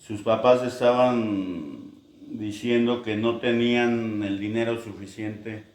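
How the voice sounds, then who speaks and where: Low-voiced pastor preaching in an echoey church. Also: male voice, slow, darkish tone. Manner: storytelling with acted-out quotes. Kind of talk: sermon.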